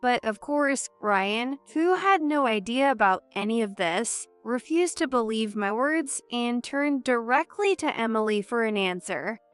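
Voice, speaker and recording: A woman tells a first-person story in a slow, measured way. Her voice is slightly high, smooth and clear, recorded dry and close with faint music underneath. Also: expressive, no room sound. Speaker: narrator.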